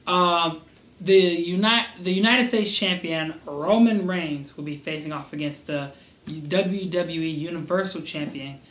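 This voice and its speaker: A man co-hosting a casual wrestling podcast, rambling through his picks with many pauses and restarts. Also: fairly high pitch, a bit bright. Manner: rambling, lots of fillers and restarts. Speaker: wrestling show co-host. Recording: roomy echo with faint noise.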